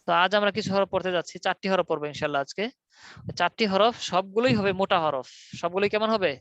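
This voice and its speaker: High, smooth-voiced online teacher. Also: male voice, fast talker, fairly bright tone, dry recording. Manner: patient, drills students in call-and-response. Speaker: Quran recitation teacher. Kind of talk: online class on Arabic letter pronunciation. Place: online video class.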